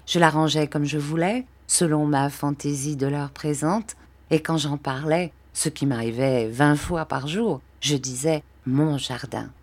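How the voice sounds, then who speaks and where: A woman reading a classic novel aloud as narrator, slow and clear. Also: low-pitched, fairly even intonation, darkish tone. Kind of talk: storybook reading.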